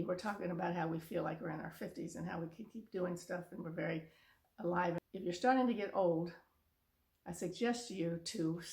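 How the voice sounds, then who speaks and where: Lady in her 70s, earnest rambly pep talk, low raspy fry in her voice. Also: roomy sound. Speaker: vlogger. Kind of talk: casual motivational talk to camera.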